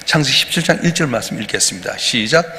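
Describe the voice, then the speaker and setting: A man's voice: mid-range voice, expressive, quick pace, bright, forceful tone, slight background noise. A male pastor gives an emphatic early-morning sermon, asking his congregation questions as he goes. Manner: emphatic preaching with rhetorical questions. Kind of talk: dawn prayer sermon. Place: church sanctuary. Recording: reverberant church hall, faint ambience.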